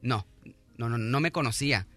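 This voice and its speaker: A middle-aged man, a guest on a radio show, telling his own story in a halting, earnest way, full of restarts and thanks. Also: mid-range voice, bright, forceful tone, no echo, faint music behind.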